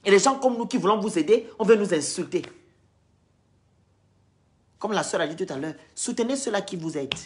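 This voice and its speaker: A woman's voice: medium pitch, lively intonation, a little fast, long pauses. A woman from Gabon, scolding and lecturing her viewers in a heated, repetitive live-stream rant.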